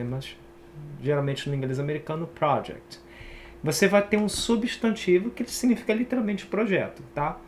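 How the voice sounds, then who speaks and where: A Brazilian man gives a casual, chatty online English pronunciation lesson, explaining as he writes on screen. His voice is on the high side, with slight background noise.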